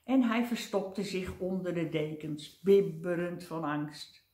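An older woman reading a children's storybook aloud in a gentle, expressive way, with the odd slip over a word. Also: on the low side, takes it slowly, reverberant.

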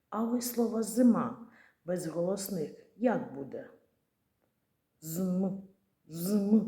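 Slow, patient woman teacher for small children. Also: lowish voice, dark tone, echoey room. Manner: slow and patient, drawing out and chanting words syllable by syllable. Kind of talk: children's speech lesson.

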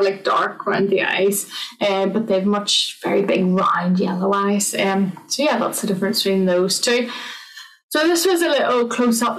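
Woman, wildlife talk presenter, chatty and informal, mid-pitched, heard a little way off the mic. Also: recorded from a distance, poor audio. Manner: chatty, filler-heavy, friendly explaining. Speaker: conservation officer giving an online talk.

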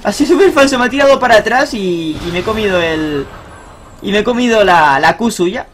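A young man giving live, excitable commentary on his own ranked game, swearing and cheering at big plays. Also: high-pitched, normal speed, a little hiss or hum. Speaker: gaming streamer.

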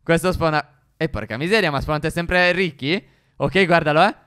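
A man's voice: on the high side, normal speed, a bit bright, clear, resonant tone. A man co-hosting a gaming channel, walking his partner through a game in casual commentary and checking in often to see that she follows. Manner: explains patiently, checks in often with "ok?".

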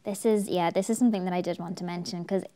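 A young Irish woman, a TV presenter, chatting as an interview guest and telling stories with lively acted-out quotes. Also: lowish voice, quick pace. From Ireland. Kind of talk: casual interview chat.

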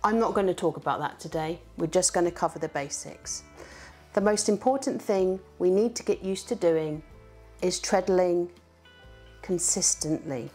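A woman's voice: lowish voice, moderate pace, dark tone, breathy edge, soft background music. A woman teaching a beginner how to treadle a spinning wheel, in a chatty, encouraging way, counting out the rhythm as she demonstrates.

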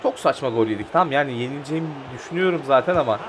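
A young man giving excited play-by-play as he plays a football video game, urging his players on and swearing when chances slip away. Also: mid-range voice, rapid-fire, a little hiss or hum. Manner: animated, shouts at players, swears in frustration. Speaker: gaming YouTuber. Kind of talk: excited gameplay commentary.

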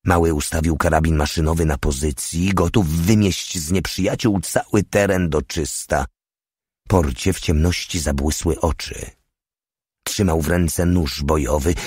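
Brief: male audiobook narrator, very low voice, dry close-mic sound. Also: darkish tone, husky, no room sound.

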